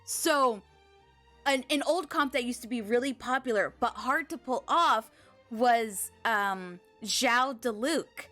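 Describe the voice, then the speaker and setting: A video game livestreamer chats casually with her viewers, gushing with thanks and using girlish slang. Her mid-range voice is a bit bright, and game music plays in the background.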